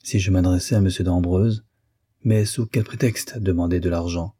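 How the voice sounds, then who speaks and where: A man's voice: deep voice, fairly even intonation, normal speed, mellow, breathy edge, no room sound, studio quality. A man voicing a hesitant young man who argues with himself and justifies his choices. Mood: musing. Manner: inner musing, wavering.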